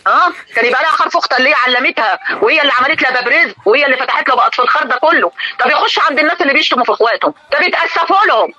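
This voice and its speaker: An older Egyptian woman rants at high speed on a live stream, scolding and indignant. Her voice is sharp and very bright. The sound is dull and lo-fi, as if it comes through a phone. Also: lively intonation. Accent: Egyptian Arabic. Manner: indignant, scolding, rapid-fire. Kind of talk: heated live-stream talk to viewers and a caller.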